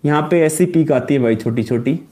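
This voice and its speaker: With a fairly high, warm voice and a fairly quick pace, a man with a Rajasthani-tinged Hindi accent lectures a college chemistry class. He repeats every term and quizzes students in call-and-response fashion, calling them "beta." There's slight background noise.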